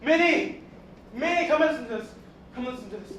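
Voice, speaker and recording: A woman's voice: high voice, lively intonation, very fast. Girl playing a stubborn proud old man. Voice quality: defiant, blustering. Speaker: student actor. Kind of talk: school stage play. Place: school stage or hall. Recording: echoey hall, faint noise.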